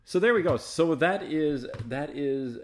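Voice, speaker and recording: A man hosting a live Linux show, chatting casually and thinking aloud as he installs and explores software, coaxing slow programs along. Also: on the high side, animated. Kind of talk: casual live screencast commentary.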